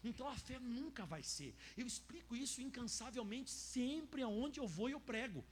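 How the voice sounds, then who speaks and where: A man's voice: very high-pitched, lively intonation, normal speed. A male pastor teaching a faith course in a conversational sermon style, often tagging his sentences with little asides. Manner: conversational, tags lines with "né?" and "ó"; acts out dialogues in different voices.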